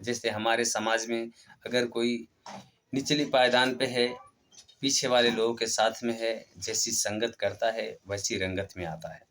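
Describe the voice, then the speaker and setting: A man's voice: mid-range voice, flat delivery, unhurried, fairly bright tone. Man telling a motivational story. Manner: plain, conversational narration.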